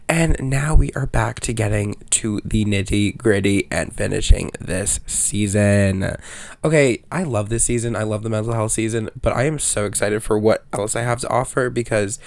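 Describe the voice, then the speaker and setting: A man's voice: mid-range voice, no echo. A man with allergy congestion, hosting a casual solo podcast in a rambling, slangy, self-interrupting way. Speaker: podcast host.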